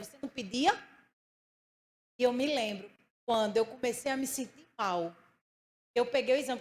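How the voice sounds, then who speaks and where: A woman pastor, preaching a sermon and telling a personal story with lively acted-out dialogue. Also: sits high. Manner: storytelling, animated, acts out dialogue.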